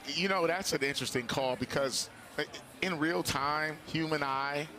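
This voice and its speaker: A man's voice: on the high side, normal speed, sharp tone. A man giving conversational color analysis during a live football game, explaining plays informally. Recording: clear stadium background noise. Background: outdoor stadium ambience.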